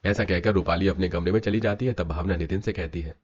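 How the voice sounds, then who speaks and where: Brisk male cartoon narrator. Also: deep voice. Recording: dull lo-fi with music.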